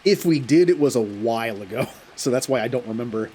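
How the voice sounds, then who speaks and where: A man's voice: mid-range voice, expressive, fairly quick, dark tone, slight background noise. A man chatting casually as he streams a game and comments on it live.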